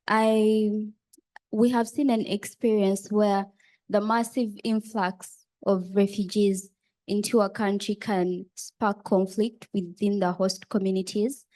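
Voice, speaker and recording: A woman's voice: medium pitch, level tone, slow, warm tone. A young woman from Uganda standing in a large conference hall with a handheld mic, politely asking the panel a question. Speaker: audience questioner.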